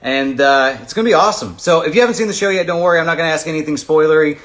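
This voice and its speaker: A man's voice: a little high, very fast. Upbeat man hosting a livestream. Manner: energetic, loose, jokey, lots of fillers. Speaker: livestream interviewer host. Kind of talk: casual upbeat livestream chat.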